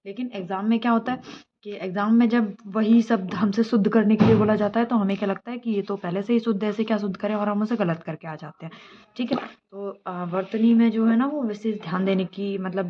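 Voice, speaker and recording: A woman's voice: medium pitch, fairly quick. Woman teaching exam prep, asks herself questions then answers, kinda dull audio with light hiss. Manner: explains each word, asks and answers her own questions. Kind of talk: lesson reading a book aloud.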